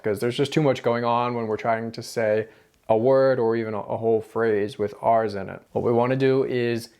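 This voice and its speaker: An American man gives a casual pronunciation lesson at a middle pitch. He explains step by step and demonstrates tapped and rolled R sounds, repeating syllables and example words as he goes. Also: a little mellow. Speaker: language teacher.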